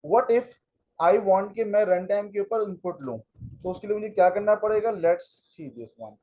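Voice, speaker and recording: Man, high mellow voice, patient step-by-step coding teacher. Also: a little slow, lo-fi sound. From Pakistan. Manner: explains step by step, mixing in English phrases. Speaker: computer teacher. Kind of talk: classroom lecture with live coding.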